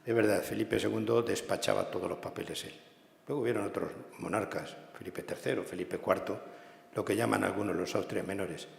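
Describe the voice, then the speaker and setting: A man with a Spanish accent moderating a book presentation, making calm, measured remarks. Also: fairly low pitch, gravelly. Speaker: presiding host. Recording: echoey hall, off mic.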